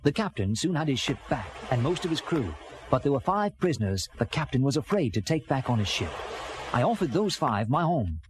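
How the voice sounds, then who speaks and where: A man with a medium-pitched voice speaks briskly and lightly acted as an earnest castaway adventurer in the style of a dramatized children's read-along. The vintage record has music behind him and background noise, and his animated, theatrical delivery feels earnest and reflective.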